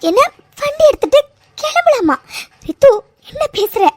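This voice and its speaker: Very high-pitched, hoarse young woman, as an actress plays her, hot-tempered cartoon heroine, dry close sound. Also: expressive, darkish tone, no echo. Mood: angry. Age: young adult. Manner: fiery, quick to pick a fight. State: hoarse from throat infection. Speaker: food delivery worker. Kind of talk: cartoon serial voice acting.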